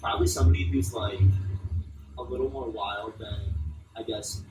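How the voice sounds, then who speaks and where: Teen guy from Pennsylvania, flat low voice, tentative, far off mic, loud traffic noise. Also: normal speed, echoey room. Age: late teens. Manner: tentative, searching for words. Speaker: engineering student. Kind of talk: interview answers. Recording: distant, noisy outdoor recording.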